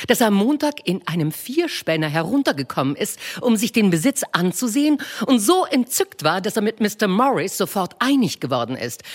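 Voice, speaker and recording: A woman reading aloud and voicing a fussy, excitable middle-aged mother of five daughters, talking in an eager, insistent way. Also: medium pitch, breathy edge, pitched above the performer's own voice. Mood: excited. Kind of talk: audiobook reading.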